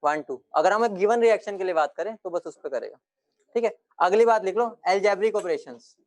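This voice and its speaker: A man's voice: high voice, lively intonation, fairly quick. A young male teacher giving a classroom lecture, joking with his students and then firmly explaining points.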